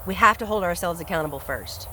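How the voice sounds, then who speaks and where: A man's voice: high voice, fast, sharp tone, slight background noise, rough recording. A man hosting a solo podcast, speaking in an earnest, reflective way and often repeating words as he thinks aloud. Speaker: podcast host. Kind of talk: solo commentary monologue.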